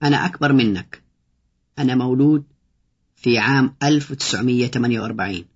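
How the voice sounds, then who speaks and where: A man with a husky voice reads out short lesson phrases one at a time, pausing after each. The recording is dull and lo-fi. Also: mid-range voice. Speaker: language teacher. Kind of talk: slow read-aloud language drill.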